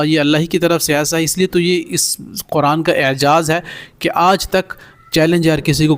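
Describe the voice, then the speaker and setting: A man who teaches a recorded Quranic Arabic class. His voice sits a little above the usual male range. He draws out each Arabic phrase slowly, then explains it in plain, everyday words. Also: on the high side. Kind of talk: recorded language lesson.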